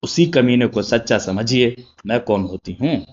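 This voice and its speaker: A sulky young sister snaps back with sharp irritation, as a male narrator voices her. The recording sounds dull and lo-fi. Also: medium pitch, lively intonation, measured pace, pitched above the performer's own voice, close to an everyday voice. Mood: irritated. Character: annoyed young woman, sharp-tongued sister.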